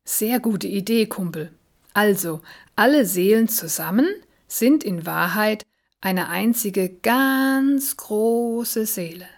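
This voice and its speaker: A woman voicing a gentle, wise animal friend in a storybook reading, explaining calmly and patiently. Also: mid-range voice, slow pace. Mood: patient, warm.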